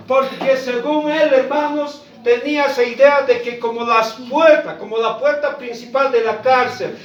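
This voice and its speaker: A man preaching with a Bolivian Andean accent, switching between Spanish and Quechua, asking the congregation questions and rising to shouts on key points. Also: very high-pitched. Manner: call-and-response questions to the congregation. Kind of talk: bilingual sermon in Spanish and Quechua. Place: church hall. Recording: echoey room, distant mic, dull sound.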